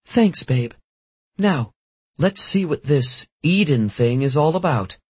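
A man's voice: on the high side, expressive, takes it slowly, husky, dry recording, pitched above the performer's own voice, exaggerated voice. A man voicing a playful, caring young woman with a raised, pleading voice. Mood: coaxing.

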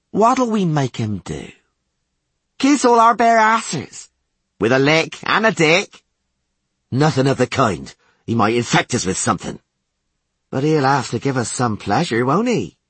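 A man's voice: medium pitch, a bit bright, breathy edge, no room sound, pitched above the performer's own voice, full character voice. A man voicing rowdy, crude female guards who mock and jeer in a coarse way. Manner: coarse, mocking.

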